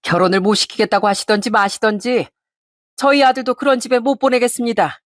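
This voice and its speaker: A woman's voice: on the high side, fairly even intonation, no room sound, natural voice. The groom's mother, a dignified farming woman, answers firmly and evenly, voiced by a woman. Her voice stays close to the narrator's own in a dry, close recording. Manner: firm, measured retorts.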